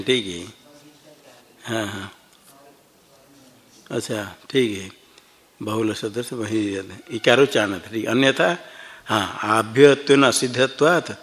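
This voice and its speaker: Slow, deliberate male grammar teacher. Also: medium pitch, fairly bright tone. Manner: explains step by step and quizzes students. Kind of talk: classroom grammar lesson. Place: ashram classroom.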